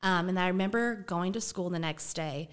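A woman's voice: on the low side, normal speed, clear, resonant tone. A woman in her twenties, a podcast guest, telling a personal story in a chatty, casual way and laughing often.

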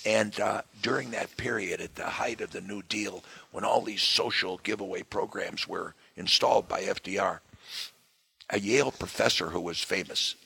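Hoarse, gravelly man, emphatic guest. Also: lowish voice, fairly even intonation, moderate pace, bright, forceful tone. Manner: emphatic, punches key words. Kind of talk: political interview conversation.

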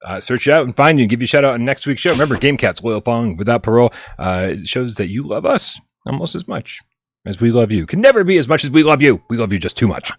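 A man's voice: mid-range voice, big pitch swings, fast talker. A man hosting a casual live gaming stream, joking with his co-host and reading out viewer tips, often restarting his sentences. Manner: laid-back, jokey, stumbles and restarts. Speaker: podcast host.

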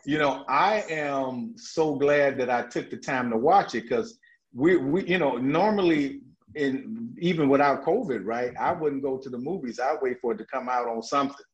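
A man talking as a guest in a casual interview, an energetic storyteller who laughs often and restarts his sentences. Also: medium pitch, moderate pace. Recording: dull lo-fi audio.

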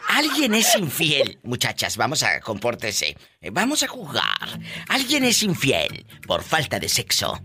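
A man's voice: mid-range voice, huge pitch swings, unhurried, sharp tone, slight background noise. A man hosting a live call-in radio show in a theatrical, teasing way, full of campy catchphrases.

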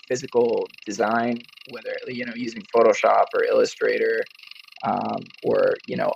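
Gravelly young man, laid-back guest. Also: fairly low pitch, a little mellow. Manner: laid-back, rambling, many "you know" fillers. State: slightly hoarse. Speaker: guest, print-on-demand business owner. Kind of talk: casual interview chat. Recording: dull lo-fi sound with faint noise.

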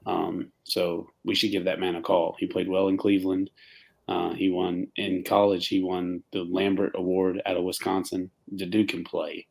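Very deep, gravelly-voiced male podcast guest. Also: little pitch movement, normal speed, darkish tone. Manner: easygoing, hesitant with many fillers. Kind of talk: casual sports podcast chat.

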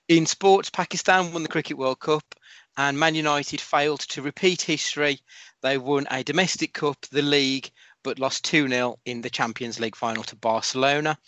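A man's voice: mid-range voice, bright, forceful tone, dry recording. A man hosting a casual football podcast, chatty and sweary, steering the discussion. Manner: chatty, sweary, moves the talk along. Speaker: podcast host. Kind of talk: casual podcast chat with scripted segments.

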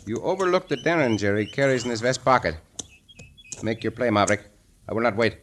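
An actor in a 1940s radio drama playing Cisco, a dashing, gallant caballero with a Mexican accent who stays cool and polite. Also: male voice, mid-range voice, a little fast, natural voice. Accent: Mexican Spanish. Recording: noisy old radio broadcast.

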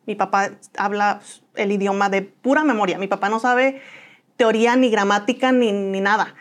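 A woman's voice: mid-range voice, steady tone, moderate pace. A woman with a Mexican accent, a guest in an interview, telling her own story earnestly and acting out the voices of people she quotes.

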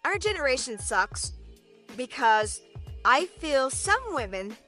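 Podcast co-host, woman, high and bright voice, chatty with many repeated words. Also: sing-song, slow pace, faint music behind. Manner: chatty, repeats words, keeps asking "right?". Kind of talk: casual chat.

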